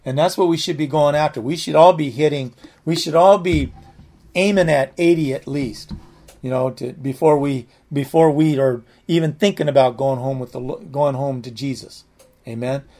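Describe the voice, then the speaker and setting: A man's voice: on the high side, normal speed, darkish tone. A man in his late sixties, a pastor teaching a Bible passage in a loose, conversational way, often repeating himself and restarting his phrases. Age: 60s.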